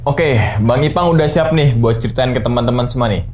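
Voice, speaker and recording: A man's voice: medium pitch, a little fast, background noise. A man hosting a casual horror podcast, introducing his guest in a chatty way. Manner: lively, chatty show intros. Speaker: podcast host. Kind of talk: casual chat.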